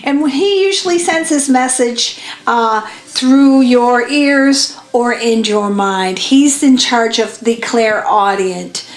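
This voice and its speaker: A woman co-hosting a show, explaining things in an earnest, slightly halting way. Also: fairly high pitch, echoey room. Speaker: co-host. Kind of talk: casual explanatory chat.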